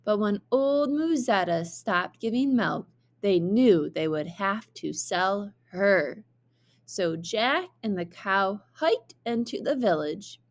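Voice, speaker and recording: A woman with a medium-pitched voice reads a children's story aloud in a teacher's style, her narration expressive and deliberate.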